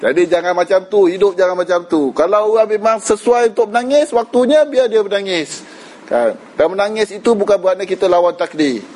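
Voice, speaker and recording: A Malaysian religious teacher gives an informal, conversational lecture in a high, darkish voice, talking a little fast. He mixes in English words and often asks "kan?" as a tag question. The recording quality is low.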